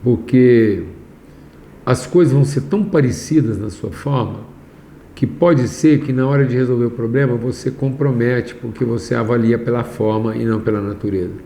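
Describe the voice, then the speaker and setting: A man preaching a sermon as a class lesson, slow and emphatic, rising to raised lines and dropping to hushed ones. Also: mid-range voice. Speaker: pastor teaching a class. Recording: echoey room, faint background noise.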